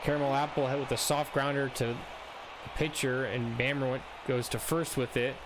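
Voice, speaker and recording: A man's voice: medium pitch, normal speed, background noise. A man doing live play-by-play commentary for a simulated baseball league stream, half asleep and laid-back but lifting his voice for big hits. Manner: sleepy, laid-back, rising to excited calls on big hits.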